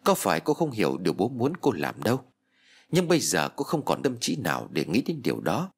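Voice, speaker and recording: A man narrating a sad story in an expressive, emotional reading style. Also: on the low side, a little fast, gravelly, slightly rough. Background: faint music.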